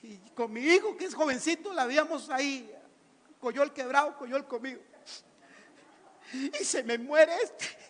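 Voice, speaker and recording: A man's voice: very high-pitched, a little slow, long pauses, big-room sound. A man voicing a poor widow who frets over her future. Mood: anxious. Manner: worried musing.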